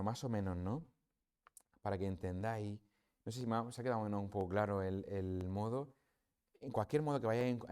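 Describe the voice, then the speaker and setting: Spanish guy talking about prayer in a parish, lowish soft dark voice, chatty and thoughtful. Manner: conversational, reflective, frequent tag questions. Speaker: priest. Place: parish hall or church.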